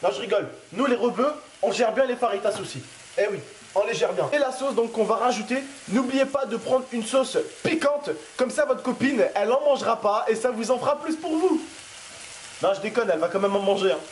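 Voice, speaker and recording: A man's voice: very high voice, lively intonation, brisk. A man hosting a casual cooking demonstration, chatty and joking as he talks straight to the viewers, with a pan sizzling. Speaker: cooking video host. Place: home kitchen. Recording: roomy kitchen with frying noise.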